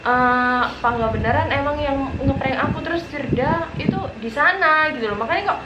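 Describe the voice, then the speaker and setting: A young woman chatting casually and retelling things in an animated, exclamatory way with acted-out quotes. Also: high-pitched, normal speed, highs cut off. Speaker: prank victim. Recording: echoey room with clear background noise.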